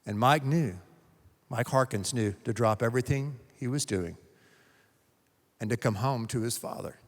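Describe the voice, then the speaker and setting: A man from North Carolina, a pastor delivering a sermon with emphatic, repetitive phrasing and dramatic pauses. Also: medium pitch. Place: church sanctuary. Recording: long reverb of a church sanctuary.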